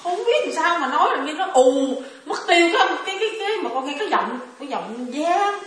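A woman haltingly recounting a personal experience, repeating words as she searches for them. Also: high-pitched, big pitch swings. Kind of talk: emotional personal testimony. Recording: echoey room, far from mic.

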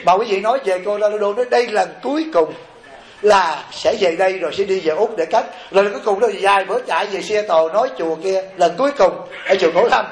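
A man, a Buddhist monk, giving a lively dharma talk and keeps asking his listeners questions. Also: high-pitched, fast, reverberant. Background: audience laughter.

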